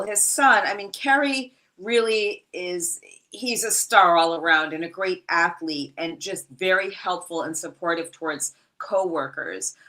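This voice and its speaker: A woman's voice: medium pitch, bright, forceful tone, poor audio. A middle-aged woman guest chatting casually on a wrestling podcast, brash, joking and candid.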